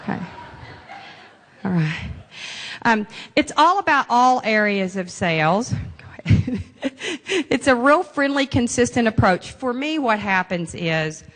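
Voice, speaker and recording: A woman with a fairly high voice leads a sales training session, chatty and animated, often laughing with the crowd. Her voice rings out with a long reverb from a large conference room. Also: slow pace, pauses often. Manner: lively, chatty, laughs often, plays to the audience. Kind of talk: live conference talk.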